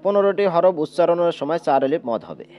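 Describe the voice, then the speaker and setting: A man with a fairly high voice teaches letter reading as a Quran teacher, step by step. He puts questions to his viewers and answers them himself, and he stretches out each sound he demonstrates. The recording sounds dull and lo-fi. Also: animated, fast talker.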